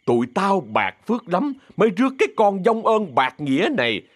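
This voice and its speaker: A man voicing a fierce older woman who runs a theater troupe, cursing and yelling threats in a Southern Vietnamese accent. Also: medium pitch, animated, moderate pace, no room sound, close to an everyday voice. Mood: raging.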